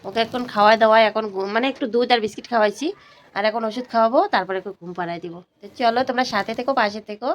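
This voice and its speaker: Fast-talking woman chatting at home. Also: fairly high pitch, dull audio. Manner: chatty, talks straight to viewers. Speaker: vlogger, mother. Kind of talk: casual home vlog chat. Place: home, indoors.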